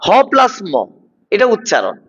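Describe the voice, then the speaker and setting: Man, thirties, online class teacher, repeats words to drill them, high voice, muffled recording. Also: wildly swooping pitch, normal speed, a bit bright, breathy edge. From Bangladesh. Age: 30s. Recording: dull lo-fi online class audio.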